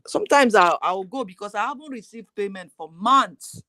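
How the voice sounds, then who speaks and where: A woman's voice: medium pitch, moderate pace. Chatty woman guest on a call. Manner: lively and chatty, laughs often. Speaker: guest YouTuber. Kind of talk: casual live chat. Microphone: remote call.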